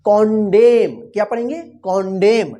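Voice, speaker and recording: The woman's voice is mellow and unhurried at a medium pitch as she teaches English vocabulary, classroom style. She asks the learners questions, spells words letter by letter, and patiently goes back over each answer and its meaning.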